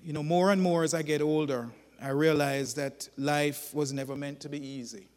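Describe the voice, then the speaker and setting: Fairly high-voiced preacher with an echoing hall sound. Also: male voice, normal speed. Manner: folksy storytelling, animated and emphatic. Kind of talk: sermon.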